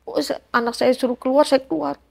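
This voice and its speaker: A woman's voice: high-pitched, fairly even intonation, fairly quick, vocal fry, darkish tone. A middle-aged woman giving an emotional personal testimony in an interview, acting out quoted dialogue as she recounts events.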